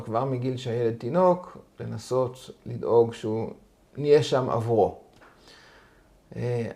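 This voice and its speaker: A man who is a rabbi and education expert gives calm, measured answers in an interview. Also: mid-range voice, gravelly.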